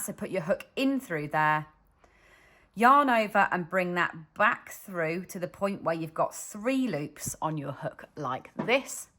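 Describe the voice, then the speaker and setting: A woman with a British accent and a medium-pitched, fairly bright voice teaches crochet stitches step by step, patiently explaining as she demonstrates. The tutorial is filmed indoors at a wooden table, showing only her hands.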